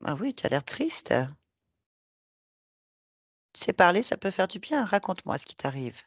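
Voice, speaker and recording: A woman hypnotherapist guiding a hypnosis session, coaxing and reassuring with gentle repetition. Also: on the low side, very animated, moderate pace, breathy edge, no room sound.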